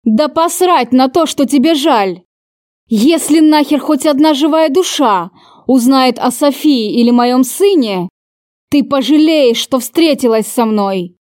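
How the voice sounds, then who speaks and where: Woman voicing a furious cursing man, raised high voice, yelling, mellow tone, dry sound. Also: lively intonation, a little slow, no room sound. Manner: shouting, swearing, spitting words.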